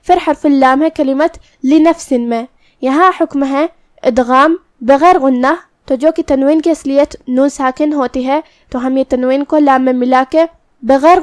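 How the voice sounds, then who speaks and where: A woman teaching Quran recitation rules in a tajweed lesson, explaining each letter step by step and chanting verses slowly. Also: high voice, a little mellow, no echo, studio quality.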